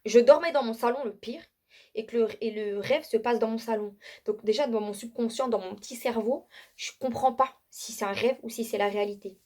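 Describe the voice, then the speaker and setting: Animated young woman telling a story. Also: a little high, a little fast. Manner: animated, slangy storytelling with many fillers and restarts. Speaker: vlogger giving a faith testimony. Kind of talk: casual spoken testimony to camera.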